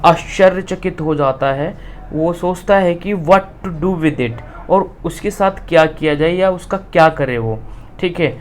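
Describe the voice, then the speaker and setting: A teacher leads a reading lesson, explaining English sentences in Hindi. They read each English line at an unhurried, word-by-word pace and keep checking in with the listener. A faint steady hum sits under the voice. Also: mid-range voice. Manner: reads English slowly word by word, then explains with frequent "ठीक है".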